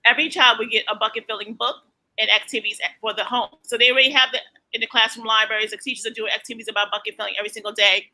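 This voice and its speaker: Fast, bright-voiced woman guest. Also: on the high side, fairly even intonation, rough recording. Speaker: guest, children's author and former principal. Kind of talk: casual chat.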